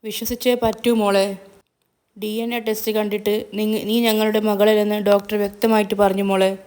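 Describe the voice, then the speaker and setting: A solemn middle-aged father who chooses his words slowly and holds back sorrow, voiced by a woman narrator. The delivery stays level and restrained, close to her own plain reading voice, in a storybook telling. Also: mid-range voice, level tone, a little mellow, natural voice. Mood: sorrowful. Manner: slow, grave, restrained.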